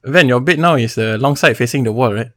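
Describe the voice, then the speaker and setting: A man's voice: medium pitch, fast talker, a bit bright. A man with a Malaysian or Singaporean accent hosting a casual chat, teasing in colloquial slang English full of lah and alamak. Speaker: host.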